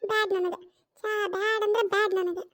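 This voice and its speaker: Squeaky stubborn cartoon mother-in-law, as one voice actor does both parts. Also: little pitch movement, a bit bright. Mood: irritated. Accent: North Karnataka Kannada. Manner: scolding, refuses stubbornly, drawn-out retorts. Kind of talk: cartoon comedy skit.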